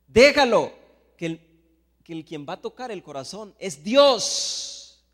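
A man from El Salvador with a Salvadoran Spanish accent, preaching a sermon, swinging between hushed asides and loud emphatic Bible readings. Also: high voice, sing-song, slow pace, long reverb tail.

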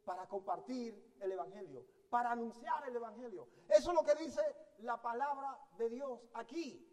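A man's voice: extremely high pitch, moderate pace, a little mellow. A man preaching a sermon in a teaching manner, asking the congregation rhetorical questions and often restarting his sentences. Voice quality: hesitant restarts mid-sentence. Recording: long hall reverb.

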